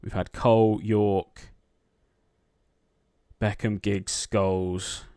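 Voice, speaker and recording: A man with a lowish, unhurried voice works through a quiz, murmuring guesses half to himself. His tone is smooth and clear, recorded close and dry with keyboard clicks behind. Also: level tone, mellow, no room sound. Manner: muttering names half to himself, lots of ums. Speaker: quiz gameplay streamer. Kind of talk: thinking aloud while playing a quiz. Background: keyboard typing.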